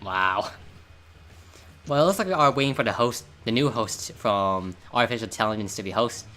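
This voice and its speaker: A man's voice: lowish voice, lively intonation, normal speed, sharp tone. A man casually commentating a game match over a voice call, chatty and stumbling over restarts. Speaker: caster.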